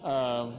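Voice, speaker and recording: A man's voice: medium pitch, vocal fry, a little mellow. A man interviewing actors on stage, asking questions with stammers and restarts. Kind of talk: onstage interview. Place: stage before an audience. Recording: reverberant hall.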